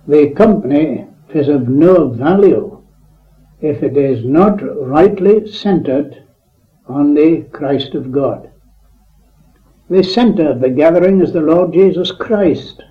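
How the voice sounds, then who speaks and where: A man preacher reading a written address aloud in a solemn, measured way, heard on an old tape recording. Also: fairly high pitch, narrow, tinny audio.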